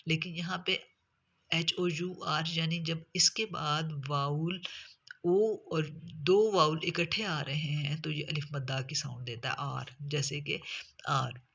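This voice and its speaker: A teacher with speech walks through English letter sounds, pausing often on fillers and spelling words out letter by letter. The voice is husky with a gravelly edge. Its tone is bright and tense. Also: medium pitch, fairly even intonation, highs cut off. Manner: hesitant, many fillers and restarts, spells out words. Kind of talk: spoken lesson on letter sounds.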